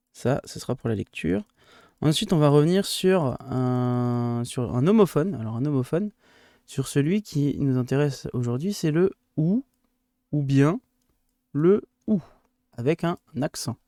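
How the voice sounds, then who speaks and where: Hesitant French male schoolteacher, mellow. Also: a little high, no room sound, studio quality. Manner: hesitant, many fillers and restarts, livelier when explaining rules. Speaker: primary school teacher. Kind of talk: recorded remote lesson for pupils.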